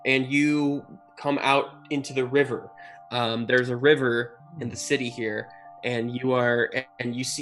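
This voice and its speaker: A man narrating a tabletop game as game master, improvising haltingly and searching for words. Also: medium pitch, a bit bright. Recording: music playing behind the voice. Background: music.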